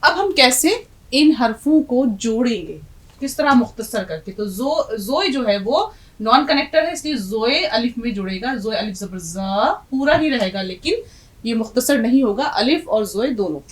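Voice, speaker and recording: A woman teaching an Urdu lesson, reciting a poem and slowly spelling out letters to her students. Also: a little high, expressive. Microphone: lesson video.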